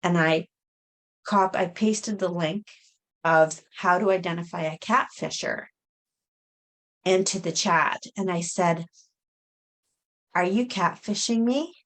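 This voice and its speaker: A middle-aged woman talking to camera in a casual vlog, halting, with many fillers and restarts. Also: on the low side, fairly even intonation, a bit bright. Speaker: vlogger.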